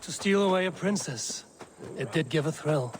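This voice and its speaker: A stoic Viking warrior in a video game. Her delivery is dry and deadpan with a wry edge. Clear noise sits behind the voice. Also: deep voice, normal speed.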